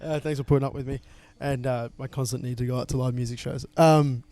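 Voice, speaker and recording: A man hosts a casual podcast, his voice mellow and warm-toned at a middling pitch. He is enthusiastic and slangy, swearing freely as he hypes things up. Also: steady tone, quick pace, no echo. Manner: enthusiastic and slangy, sweary, keeps saying things are sick. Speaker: podcast host.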